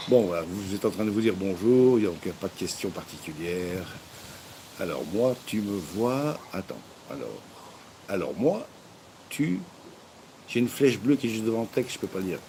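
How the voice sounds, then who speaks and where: A man's voice: on the low side, sing-song, moderate pace, dark tone. A man hosting a cooking live stream, chatting casually and joking with viewers, full of fillers and restarts, over a phone mic. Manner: jokey, rambling, with many fillers and restarts. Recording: noisy background ambience.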